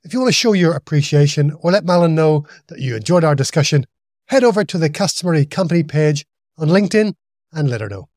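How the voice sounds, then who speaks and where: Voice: medium pitch, lively intonation, fast, darkish tone, no echo, clean studio sound. Easygoing podcast host. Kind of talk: casual interview chat.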